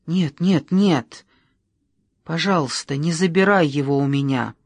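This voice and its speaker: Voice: mid-range voice, a little slow, no echo. A reader voicing a begging, tearful woman. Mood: pleading. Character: desperate pleading adult woman Irina.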